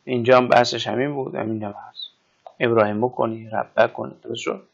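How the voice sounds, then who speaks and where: A man with a gravelly, creaky voice gives a casual grammar lesson. He talks through ideas with homely comparisons and keeps stopping to ask whether his students follow. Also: medium pitch, steady tone, highs cut off. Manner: explains with everyday examples, often checks "right?". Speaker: teacher of Arabic grammar. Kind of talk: informal classroom lecture.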